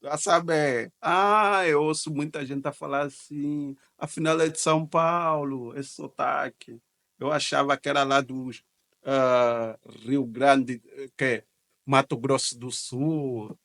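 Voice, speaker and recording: Brief: male host, casual reaction talk, chatty, repeats himself, mid pitch. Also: steady tone, slow pace, a bit bright. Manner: chatty, repeats words, laughs along.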